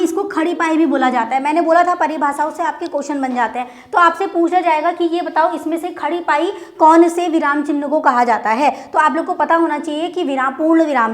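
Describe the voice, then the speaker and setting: A woman teaching a Hindi exam-prep lecture, often repeating points, asking herself rhetorical questions and slowing down to dictate word by word. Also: high-pitched. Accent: Uttarakhand Hindi. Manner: slows down to dictate words one by one. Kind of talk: classroom lecture.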